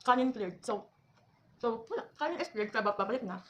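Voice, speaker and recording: A young Filipino woman, a food vlogger, chats casually during a mukbang, eating on camera and tossing in teasing asides between bites. Her voice is on the high side, expressive and fairly quick, and she talks while chewing.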